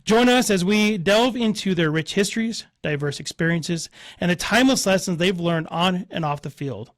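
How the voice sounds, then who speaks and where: Upbeat male radio host, higher voice. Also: lively intonation, moderate pace. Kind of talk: interview hosting.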